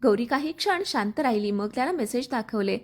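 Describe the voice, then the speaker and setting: A woman's voice: on the high side, lively intonation, a little fast. A woman narrating a dramatic story and reading the characters' lines with feeling.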